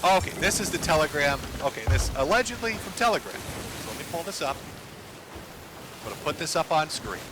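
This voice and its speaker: A man's voice: on the high side, big pitch swings, brisk, noisy background. A man commentating on online drama while gaming, profane and mocking. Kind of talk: casual commentary.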